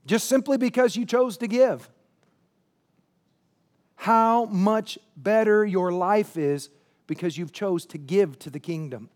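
A man's voice: high voice, darkish tone. A man in his late thirties preaching a sermon in a church, emphatic and conversational, with asides to the congregation. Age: 30s. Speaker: pastor. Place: church sanctuary.

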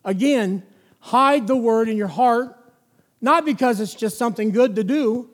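High-voiced preacher in an echoing hall. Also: male voice. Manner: emphatic, slows to single drawn-out words, drops to near-whisper. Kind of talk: evening sermon. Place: church.

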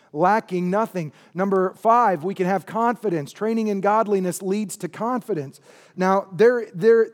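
A man's voice: high-pitched, darkish tone. A man in his late thirties preaching a sermon in a church, emphatic and conversational, with asides to the congregation. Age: 30s. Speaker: pastor. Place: church sanctuary.

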